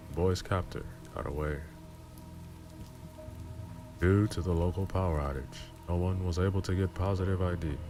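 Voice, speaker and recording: A man's voice: low voice, close to an everyday voice. A man voicing a formal male TV news reporter within a horror story reading.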